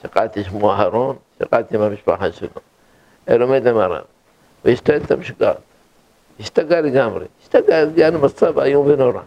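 A man giving a religious lecture full of stories, repeating words for emphasis with animated bursts. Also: medium pitch, gravelly. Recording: dull lo-fi recording.

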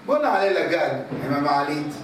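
A man preaching, telling a parable in a lively storytelling manner that repeats words for effect. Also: a little high, a little hiss or hum. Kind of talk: religious storytelling sermon. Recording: very echoey room from a distant mic.

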